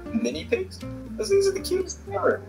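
A young man around nineteen, joking in a deadpan way on a video chat. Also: extremely high pitch, brisk, faint music behind. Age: young adult. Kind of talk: casual video-chat banter.

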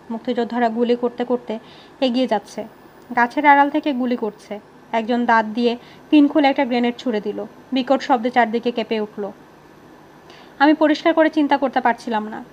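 A woman's voice: a little high, a little mellow, dull audio, slight background noise. Woman reading a war story aloud. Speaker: audiobook reader. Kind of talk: storybook narration with voiced dialogue.

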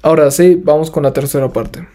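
Male presenter for scripted language lesson, slightly high voice, quick pace. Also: steady tone, dark tone. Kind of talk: scripted instructional narration.

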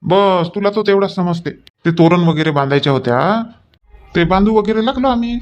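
A man, acting in a rustic comedy sketch and shouting quick repeated orders. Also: high voice, dry recording. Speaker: comic actor in a village sketch. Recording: dull lo-fi recording.

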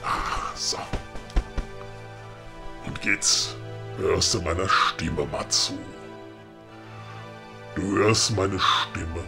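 A man's voice: deep voice, gravelly, exaggerated voice. A man with a Ruhr German accent playing a grumpy but helpful middle-aged woodcarver in a comedic audio play, chummy and matter-of-fact. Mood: hypnotic, soothing.

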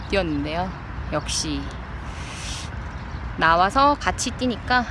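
A person recording a casual, unscripted vlog diary outdoors, chatting reflectively to viewers and pausing mid-thought. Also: mid-range voice. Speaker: vlogger. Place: outdoors by a riverside path. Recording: outdoor noise, traffic and city ambience.

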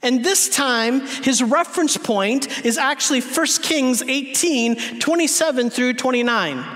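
A man in his thirties preaches from a big dark church stage, his voice sitting very high for a man. He acts out the voices in his stories and moves from near-shouts to soft, low lines. A long reverb hangs after his words. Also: measured pace. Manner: animated, acts out quoted voices, swings from loud to hushed. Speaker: guest preacher. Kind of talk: sermon.

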